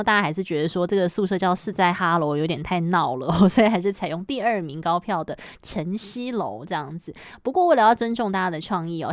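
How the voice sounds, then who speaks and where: A woman's voice: lowish voice, dry recording, clean studio sound. A woman with a Taiwanese Mandarin accent presenting a radio programme in a chatty way, tagging her phrases with frequent particles and fillers. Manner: frequent sentence-final particles and filler tags. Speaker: radio host.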